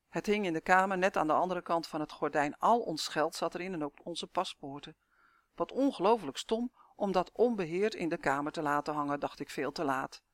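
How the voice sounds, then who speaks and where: A narrator tells a first-person story in a calm, measured way. The voice sits at an ordinary middle pitch. It is recorded close and dry, with no room sound. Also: no echo.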